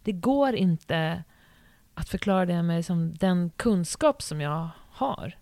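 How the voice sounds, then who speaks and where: A woman with a fairly low voice muses in relaxed conversation, thinking out loud as she goes. The sound is dry and close. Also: no echo. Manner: musing, thinks aloud, gives many soft agreeing murmurs. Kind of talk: casual chat.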